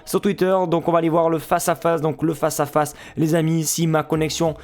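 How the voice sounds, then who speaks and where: A man's voice: a little high, level tone, fairly quick, a little mellow. A man from France with a French accent, casually talking viewers through a football pre-match analysis in a jokey, chatty way. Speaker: football fan YouTuber and Twitch streamer.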